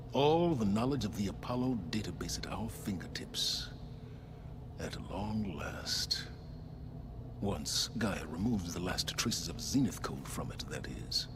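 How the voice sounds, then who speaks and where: An aloof, calculating older scholar in a video game, with a very low voice that swings expressively. He speaks formally and with grand self-assurance. There is clear noise behind him. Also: heavily acted. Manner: measured, formal, portentous. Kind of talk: video game character dialogue.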